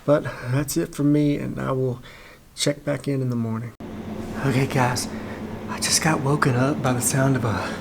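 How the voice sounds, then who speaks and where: A young man talking quietly and casually to the camera while camping inside a small shed at night, in a relaxed, rambling way. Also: mid-range voice, creaky. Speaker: vlogger. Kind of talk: casual vlog talk to camera. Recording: faint background noise.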